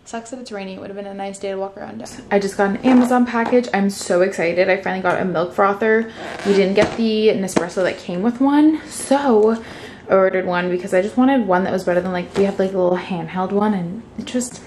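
Filmed on a nearby camera in her living room, a young woman from Canada in her twenties chats casually and brightly, often saying "like" and "you guys." She talks fairly quickly at a medium pitch, with background noise present.

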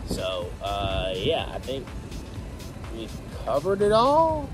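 A man in his thirties hosting a casual brewery review outdoors, with an upbeat, relaxed rundown. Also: mid-range voice, slow, over music, low-quality recording. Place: outdoors by a parking lot.

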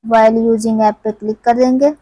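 A woman's voice: on the high side, little pitch movement, moderate pace, warm tone, no echo, rough recording. A woman host from India walking viewers step by step through an app in a conversational tutorial voice-over. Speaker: tech tutorial channel host. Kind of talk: screen-recorded app tutorial.

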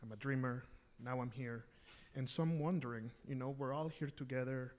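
A man's voice: mid-range voice, normal speed, a little mellow. Earnest young man from El Salvador. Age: young adult. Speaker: graduate student asking a question. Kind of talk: audience question. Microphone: standing mic.

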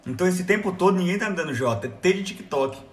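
A man's voice: sits high, fast, roomy sound. Chatty Brazilian man streaming from home. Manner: chatty and excitable. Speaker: livestream host. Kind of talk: casual live-stream chat. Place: at home beside a computer.

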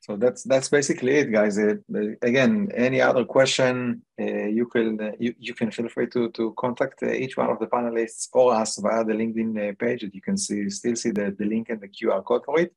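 A middle-aged man, hosting a meetup panel over a video call, speaking haltingly with many fillers and restarts. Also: mid-range voice, level tone, gravelly, a little mellow, slightly rough, poor audio. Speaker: meetup host. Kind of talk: casual panel chat.

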